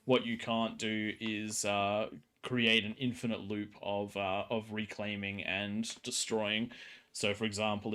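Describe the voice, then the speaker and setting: A man with a fairly low voice hosts a game livestream. He explains and chats casually, often stopping to rephrase. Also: a bit bright. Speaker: stream host, commentator.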